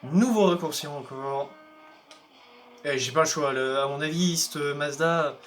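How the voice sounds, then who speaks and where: A young man commentating a racing game, playful and excitable, teasing rival drivers and yelping when things go wrong. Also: a little slow, slight background noise. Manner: playful, excitable, talks to rival drivers, bursts of high yelps. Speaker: gaming YouTuber. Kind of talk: let's play commentary. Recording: faint game music behind.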